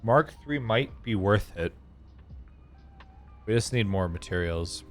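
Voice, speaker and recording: Soft background music accompanies another casual live-stream gaming session, where a man rambles to his viewers and thinks out loud while playing. His voice sits on the low side, expressive and slow.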